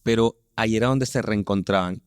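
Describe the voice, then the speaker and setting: A man's voice: on the low side, brisk, clean tone, no echo, clean studio sound. A man from Venezuela hosting a conversational interview, asking questions and giving frequent short affirmations. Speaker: interview host.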